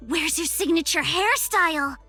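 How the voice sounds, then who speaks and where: A woman's voice: very high-pitched, normal speed, bright, forceful tone, faint music behind, exaggerated voice. A woman playing a proud, plucky young rich girl in an anime game, with a prim, earnest, spirited manner. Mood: proud, defiant.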